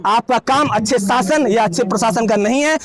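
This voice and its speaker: A man's voice: very high-pitched, fairly quick, over music. A man giving a fiery protest speech outdoors, rhetorical and pointed, leading the crowd in chants. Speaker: protest speaker.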